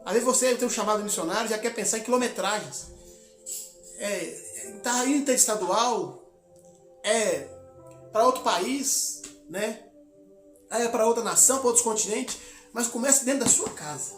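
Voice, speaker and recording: A man's voice: high-pitched, a little slow, pauses often, reverberant, faint music behind. A man from Minas Gerais, a missionary preacher, telling a testimony in a sermon, acting out the dialogue of his story and exhorting the congregation. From Minas Gerais, Brazil.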